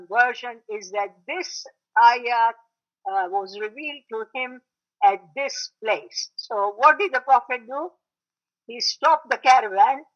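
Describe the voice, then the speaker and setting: A woman with a high voice gives a religious history lecture. She explains patiently, repeats points for stress, and pauses on fillers. The recording sounds muffled and lo-fi. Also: fairly bright tone. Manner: explanatory, with emphatic repetition; frequent fillers and throat clearing. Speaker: religious studies teacher. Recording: dull lo-fi recording.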